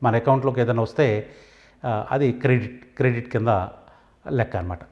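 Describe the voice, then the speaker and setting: A Telugu-accented man leads a vocabulary lesson at an even, unhurried teaching pace. He says each English word, then its meaning, and pauses before the next item. His voice sits at an ordinary middle pitch for a man. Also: highs cut off.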